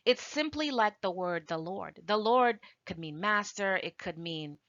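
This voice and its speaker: Emphatic woman with bright, dry voice. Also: medium pitch, expressive, a little slow, no room sound, dull audio. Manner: emphatic, rebutting with rhetorical questions. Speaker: language teacher. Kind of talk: informal video lesson.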